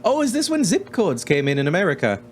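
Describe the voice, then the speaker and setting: A man's voice: high-pitched, huge pitch swings, fast, a little hiss or hum. A young man giving wry, sweary commentary while playing a game, reading its text aloud and laughing often. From Ireland. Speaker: let's-play host.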